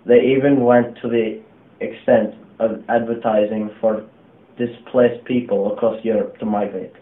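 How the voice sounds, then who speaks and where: A young man voicing an elderly migrant scientist, reading a first-person account of arriving in a new country in a flat, steady way. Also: fairly low pitch, a little slow, close to an everyday voice. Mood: earnest. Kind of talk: read first-person testimony. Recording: echoey room, tinny phone-like sound.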